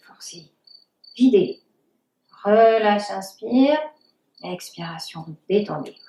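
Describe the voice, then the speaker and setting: A woman guiding a yoga class, calmly cueing breath and movement and sometimes sinking to a near whisper. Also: a little high, distant mic. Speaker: yoga teacher. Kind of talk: guided yoga instruction. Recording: roomy echo, voice from off-mic.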